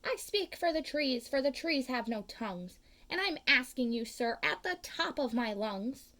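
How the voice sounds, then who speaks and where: A bossy little old forest creature from a storybook, as a woman reading aloud puts him on. His voice is sharp and pushed up high, and he speaks loud and firm. He scolds in short, clipped bursts. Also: lively intonation, normal speed. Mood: bossy, indignant.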